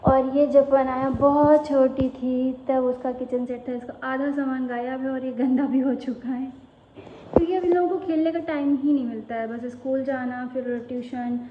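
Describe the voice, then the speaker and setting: A woman in her thirties talking casually to the camera in a home vlog, chatting and gently coaxing her children. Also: sits high, fairly even intonation, moderate pace, lo-fi sound, background noise. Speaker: vlogger and mother. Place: home, indoors.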